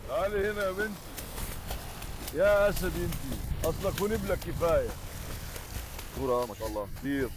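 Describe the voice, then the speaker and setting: A man's voice: fairly high pitch, expressive, brisk, pauses often, noisy background. A man with an Egyptian Arabic accent making a casual vlog outdoors at the seashore, eagerly and affectionately calling out to his dogs on a handheld microphone.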